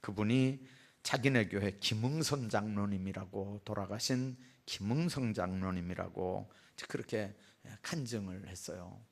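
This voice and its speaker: A man's voice: on the low side, vocal fry. A male pastor preaching a midweek sermon in a church, telling stories with acted-out quotes and rising emphasis. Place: church sanctuary.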